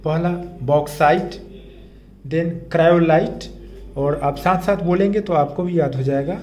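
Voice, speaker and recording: Male chemistry teacher, high voice, patient and repetitive, echoey room faint hiss. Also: a little slow, a little mellow. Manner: patient, repeats key terms and asks the class questions. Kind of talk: classroom lecture with memory tricks.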